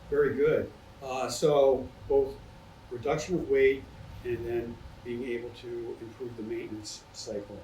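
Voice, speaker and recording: Male interviewer, friendly and measured, mid-pitched, roomy distant sound. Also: flat delivery, dark tone, a little hiss or hum. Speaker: interviewer for a county development board. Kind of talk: recorded interview. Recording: echoey room, distant mic.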